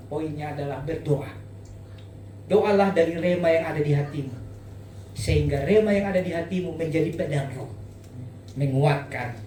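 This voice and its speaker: A middle-aged male pastor preaching, telling lively stories and calling out emphatic exhortations to the congregation. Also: high-pitched, slight background noise. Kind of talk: sermon. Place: church hall. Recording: echoey hall, distant mic, faint background ambience.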